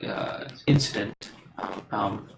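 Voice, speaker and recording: Male game master, lowish voice, hesitant rambling narration, echoey room, noisy stream. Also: slow, gravelly. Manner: rambling descriptions with many fillers and restarts. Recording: roomy live stream with background noise.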